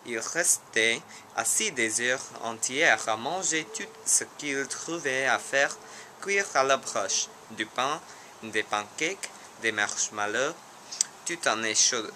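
A teenage American boy, a native English speaker and language student from the United States, reads aloud in learner's French with a clear American accent, halting and correcting himself on harder words. His voice is medium-pitched with a sharp tone, and there's slight background noise.

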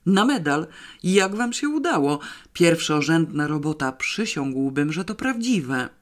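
A man's voice: a little high, big pitch swings, a little slow. A reader voicing a gullible, enthusiastic male fishing expert who mutters in admiration. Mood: awed. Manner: muttering, then awed.

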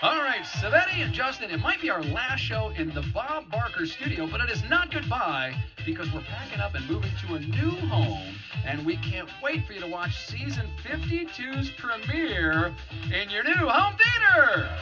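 Booming hyped game show announcer guy, high voice, prize reads over really loud music. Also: big pitch swings, normal speed. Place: TV game show studio stage.

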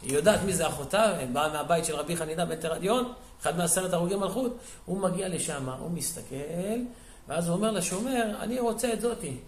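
A male rabbi telling stories in a sermon, animated and acting out the characters' dialogue. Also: fairly high pitch, a little hiss or hum. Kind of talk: sermon storytelling. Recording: echoey room.

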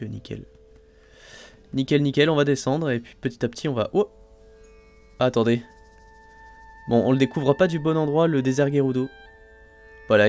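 A man casually talking through his own gameplay, thinking aloud and filling pauses with little fillers. He gets excitable over each new discovery. Faint game music plays softly behind him. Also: medium pitch. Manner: chatty, thinks aloud, frequent "hein" and "euh" fillers. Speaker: let's play host.

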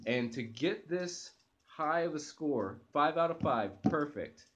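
Reviewing coffee casually on his living room sofa, a young channel host speaks slowly to camera in a slightly high, animated, fairly bright voice. He's enthusiastic, with hesitant restarts and fillers. The close webcam picks up slight background noise.

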